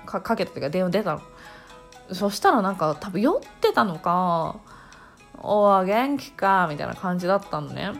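Animated woman around thirty telling a story. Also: on the low side, quick pace, gravelly, soft background music. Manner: animated, laughs often while telling. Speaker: podcast host. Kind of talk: casual storytelling monologue.

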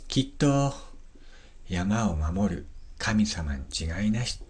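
A man's voice: on the low side, expressive, slow pace. A man putting on a fearless old hunter. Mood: sly. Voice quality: old-man dialect speech.

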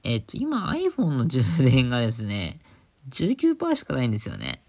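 A man hosts his own casual talk show, keeping his voice low because it is late at night. He rambles with many fillers and giggles now and then at his own jokes. It is recorded indoors on a phone. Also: huge pitch swings, normal speed. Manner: hushed, holding back volume for a late recording. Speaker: podcast host. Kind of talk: casual solo radio talk.

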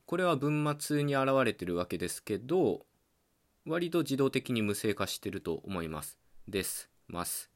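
A man with a mid-range voice hosts a podcast, talking solo about language points in a calm, patient, teacherly way. He often pauses on a filler between ideas.

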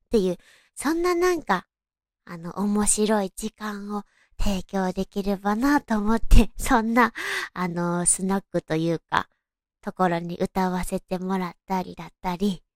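In an unhurried, flat delivery at medium pitch, a young woman hosts her solo audio show and casually introduces herself with polite friendliness. Her voice is cute and distinctively anime-like, and the clean studio recording carries no room sound.

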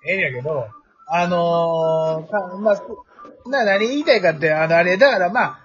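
A man's voice: high voice, expressive, moderate pace, a bit bright, lo-fi sound, faint music behind. A man with a Kansai accent chatting casually as a podcast guest, rambling with many fillers and restarts. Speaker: guest, office worker in sales.

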